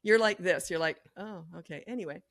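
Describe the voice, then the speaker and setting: A woman's voice: mid-range voice, animated, fast talker, no room sound. Blunt middle-aged lady coach giving tough advice, no nonsense, dry studio mic. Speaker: parenting coach, guest. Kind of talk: podcast interview advice.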